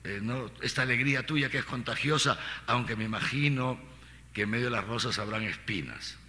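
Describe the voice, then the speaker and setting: A middle-aged man, an archbishop giving catechesis to a congregation. He preaches in a lively way, asking rhetorical questions and repeating his phrases. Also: mid-range voice, fairly quick. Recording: long reverb of a large hall.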